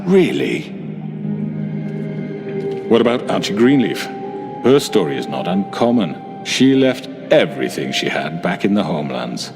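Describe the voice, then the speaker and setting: An actor playing a smooth, menacing middle-aged crime boss who talks in a patronizing, calmly manipulative way, in a game. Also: male voice, low voice, a little slow, long pauses, heavily acted. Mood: smooth, needling. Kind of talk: video game voice acting. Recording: game audio over music score.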